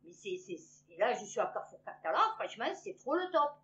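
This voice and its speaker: A woman's voice: a little high, sing-song, fairly quick, bright, forceful tone. A woman in her fifties reads news headlines and comments on them in a rambling, sarcastic way, with many fillers. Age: 50s. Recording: dull lo-fi recording.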